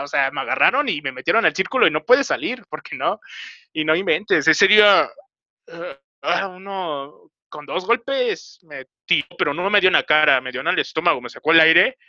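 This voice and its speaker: A young man with a Mexican Spanish accent recounts his own story in a halting, rambling way, full of filler pauses. His voice sits a bit high and sounds bright and edgy. The recording is dry and slightly dull. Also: no room sound. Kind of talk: casual personal storytelling.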